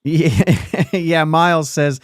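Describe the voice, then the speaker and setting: A man's voice: a little high, steady tone, slow pace, no echo, clean studio sound. A man hosting a sports podcast in casual chat, rambling along and laughing often mid-sentence. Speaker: podcast host.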